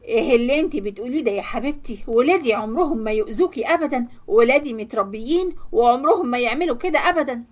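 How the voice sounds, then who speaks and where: A woman's voice: a little high, lively intonation, racing. A woman voicing a short-tempered middle-aged husband in an Egyptian accent, blustering at his children. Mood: soothing. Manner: barking, blustering.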